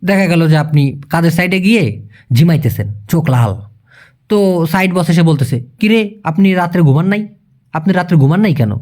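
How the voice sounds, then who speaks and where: Chatty, slightly high-voiced male language tutor. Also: animated, darkish tone. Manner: explains step by step, slows down sharply to spell out phrases; addresses the listener as brother, chatty and colloquial. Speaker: language teacher. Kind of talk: casual spoken lesson.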